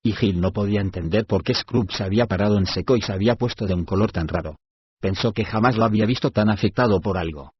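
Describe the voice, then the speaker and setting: A man reading a children's fantasy audiobook in an even, measured storybook narration. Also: lowish voice, husky, no echo, lo-fi sound.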